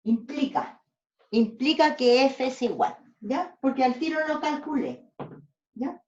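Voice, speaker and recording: A woman's voice: high voice, unhurried, a little mellow. A woman teaching physics step by step, stopping often to check that students follow. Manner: checks in with "¿ya?" after each step. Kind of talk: whiteboard lesson. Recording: echoey room, dull lo-fi sound.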